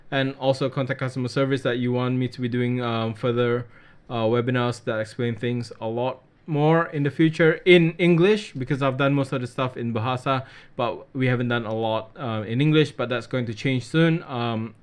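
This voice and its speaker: Smooth-voiced man answering webinar questions. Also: mid-range voice. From Australia. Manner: casual, reads out viewer questions and answers them. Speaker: trading webinar presenter. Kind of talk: live webinar Q&A.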